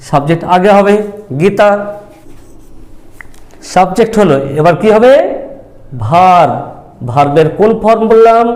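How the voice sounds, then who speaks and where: A man's voice: high voice, darkish tone. A man teaching a grammar lesson. He keeps asking questions, answers them himself, and sometimes scolds a little. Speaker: English teacher.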